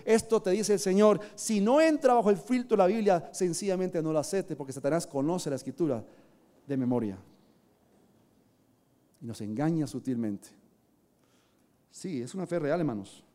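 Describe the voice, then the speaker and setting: A man preaching a sermon, telling stories dramatically and swinging between hushed and loud delivery. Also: high voice, animated, moderate pace.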